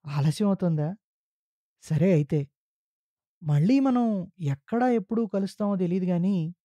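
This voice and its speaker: A man reading an ailing old playwright, slow and weighty. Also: high voice, dark tone, no room sound, muffled recording. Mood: gentle. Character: ailing elderly male playwright, reflective.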